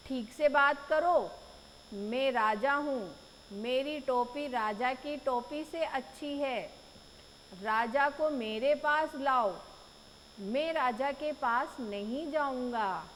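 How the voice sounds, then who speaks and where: A woman's voice: high-pitched, slow. A woman voicing a cocky, boastful little male mouse who makes bossy threats in a sing-song chant. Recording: echoey room, faint noise.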